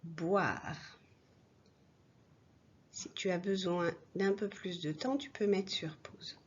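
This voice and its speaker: Slow patient teacher woman, muffled recording. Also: medium pitch, darkish tone. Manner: slow, clear, patient, addressing a child directly. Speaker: primary school teacher. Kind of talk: recorded reading lesson for young pupils.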